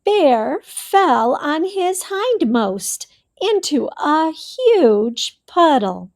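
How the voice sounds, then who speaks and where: A woman reading a picture book aloud to children, slow and expressive, speaking directly to her young listeners. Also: high voice. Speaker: storybook reader for children.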